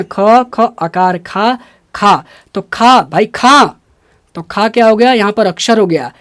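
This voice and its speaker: Step by step, a man teaches Hindi pronunciation in a Bihari Hindi accent, saying the sounds slowly and repeating them. His voice is high, and there's no room sound at all.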